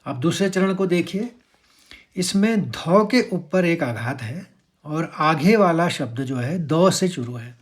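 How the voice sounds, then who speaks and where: A man teaching how to pronounce a Sanskrit verse, patiently breaking words into syllables and chanting the lines louder and drawn out. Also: on the high side. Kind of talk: verse pronunciation lesson.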